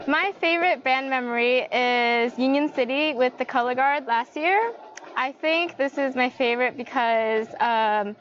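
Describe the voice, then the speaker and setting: A woman's voice: sits high, highs cut off. A teenage girl answering an interview question hesitantly, with frequent fillers. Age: late teens. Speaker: graduating band and color guard member.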